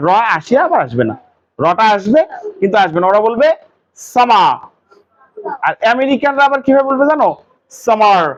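A man teaching an English pronunciation lesson to a class, quizzing students with quick questions. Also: sits high, dull audio.

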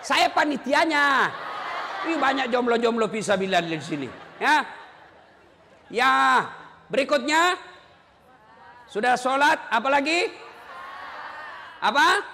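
A man's voice: extremely high pitch, expressive, a little slow, long pauses, bright, forceful tone, big-room sound, a little hiss or hum. A male preacher giving a sermon in a joking, emphatic way, acting out quotes.

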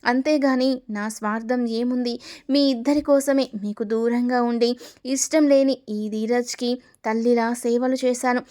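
A woman's voice: a little high, fairly even intonation, measured pace, darkish tone, close to an everyday voice. A woman voicing a scheming, villainous middle-aged stepmother who pleads and justifies herself in a storybook reading. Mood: pleading.

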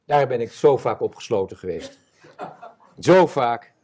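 A man in his seventies, an eyewitness telling his war memories in an interview before an audience, animated and acting out the voices of others. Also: medium pitch, a little slow. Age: 70s. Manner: animated storyteller, acts out quoted voices. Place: stage before a live audience.

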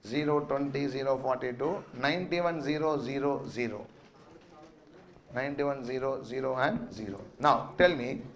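A man with a South Indian accent teaches maths in a slightly high-pitched voice. He dictates figures and phrases, repeating them for note-takers. He prompts his students with short questions. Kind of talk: classroom lecture with dictation.

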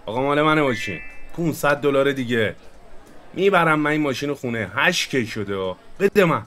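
A man hosts a casual let's-play, his voice sitting at an ordinary middle pitch. He keeps up a loose, joking running commentary, half to himself and half to his viewers. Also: lively intonation, fairly bright tone. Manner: chatty, jokey, talks to himself and viewers while playing. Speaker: gaming channel host.

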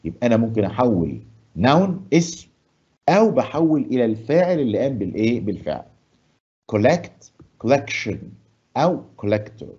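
A man with an Egyptian Arabic accent teaching an English lesson. He asks the class questions and answers them himself, and he stresses English words slowly and loudly. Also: mid-range voice, big pitch swings, breathy edge, muffled recording. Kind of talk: classroom lesson explaining grammar and pronunciation. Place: studio.

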